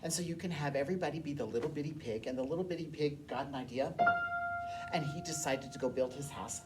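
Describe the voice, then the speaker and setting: A woman teaching a movement class, telling a story in an expressive, animated way. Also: deep voice, fast. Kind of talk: storytelling music lesson. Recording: distant mic, loud piano behind.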